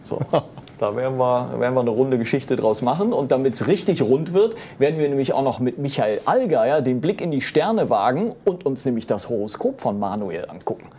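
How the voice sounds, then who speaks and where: Gravelly, chatty male talk show host. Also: mid-range voice, big pitch swings, a little fast, dark tone, a little hiss or hum. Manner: chatty and playful, many fillers. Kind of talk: casual studio interview.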